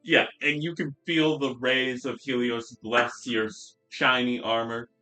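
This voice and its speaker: Man, game master, tabletop narration, mid pitch, easygoing, filler words. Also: unhurried, faint music behind, poor audio. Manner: relaxed, descriptive, with frequent fillers. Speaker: dungeon master.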